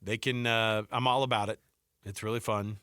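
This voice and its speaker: A sports radio show host, a man in his forties or older, banters casually on his talk show and repeats himself for emphasis. His fairly low voice is steady, pushed, bright, clear, and resonant, delivered at normal speed in studio quality with no echo.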